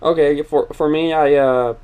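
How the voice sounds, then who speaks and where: A young man in his twenties, the channel host, leads a relaxed casual interview chat, rambling earnestly and often restarting his sentences. His smooth, clear voice stays flat in pitch, and he talks at a moderate pace.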